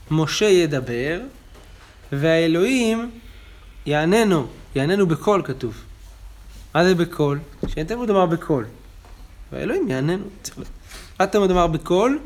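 Man teaching a Talmud page. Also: on the high side. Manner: explains texts, chanting quotations louder. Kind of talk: daily Talmud class.

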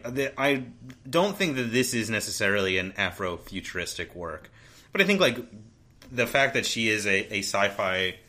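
A man with a bright, forceful, fairly low voice talks through a book in loose podcast chat. He circles his points, restarting sentences and leaning on filler words. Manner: rambling, many fillers and restarts. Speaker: podcast co-host. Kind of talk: casual book discussion.

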